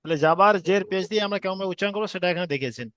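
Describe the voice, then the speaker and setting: High-voiced man teaching letter sounds. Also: a bit bright, clear, resonant tone, no room sound. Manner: slow syllable-by-syllable spelling drills; patient, repeats each sound. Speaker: Arabic reading teacher. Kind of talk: online reading lesson.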